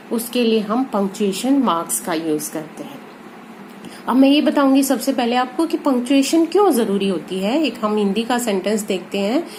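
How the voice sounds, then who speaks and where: A woman's voice: a little high, darkish tone, a little hiss or hum, rough recording. Indian woman teaching English grammar. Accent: Hindi. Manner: explains slowly and repeats key terms. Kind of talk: classroom lesson.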